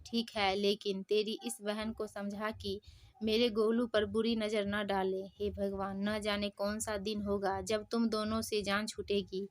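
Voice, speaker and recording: A cruel stepmother from a storybook tale, sharp-tongued and scolding, snapping at the children in a flat, even voice, as a woman reads her part. Her pitch sits in a middle range and barely rises or falls. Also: unhurried, lightly acted. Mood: bitter. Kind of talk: storybook voice acting.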